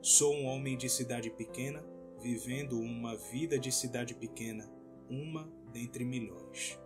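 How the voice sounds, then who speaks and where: A man narrating an audiobook in a measured, somber reading. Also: mid-range voice, music in the background. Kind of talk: scripted narration.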